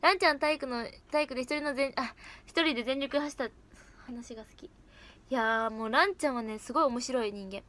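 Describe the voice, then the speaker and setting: Brief: young woman, high bright voice, giggly casual livestream chatter. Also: brisk. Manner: giggly, chatty, reacts to comments. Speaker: idol livestream host. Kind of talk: casual livestream chat reading comments.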